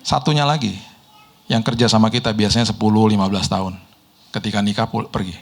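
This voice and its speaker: A middle-aged man, preaching a sermon told through lively personal stories and chuckles. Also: on the low side, fast talker, vocal fry. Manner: lively storyteller, mimics people in quotes, laughs often. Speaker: pastor.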